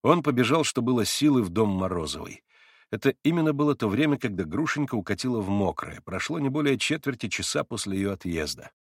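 A man narrating an audiobook of a classic novel, measured and expressive, on a close studio mic. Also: mid-range voice, no room sound.

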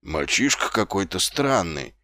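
A low, slow-spoken, grumbling middle-aged sergeant, as an audiobook narrator puts him on. He drawls each hesitant line in a deep voice, dry and close to the mic. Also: big pitch swings, bright, forceful tone, no room sound, heavily acted.

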